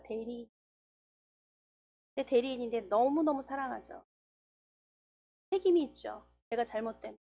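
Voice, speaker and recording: A middle-aged woman preaching a church sermon, telling a story with lively quoted dialogue. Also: fairly high pitch, slight background noise.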